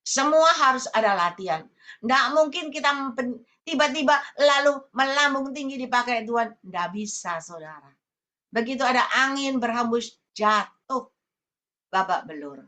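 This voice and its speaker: A woman evangelist preaching a sermon over a video call, swinging between loud emphasis and low asides. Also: animated, normal speed. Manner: addresses listeners as brothers and sisters often.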